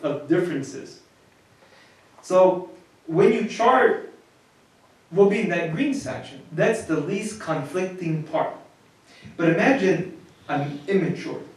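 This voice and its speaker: A priest with a fairly high voice gives a marriage lecture in a plain, conversational way, restarting and repeating words as he goes. He is heard from well off the mic, and his voice bounces around a very echoey room. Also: far from the mic. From United States.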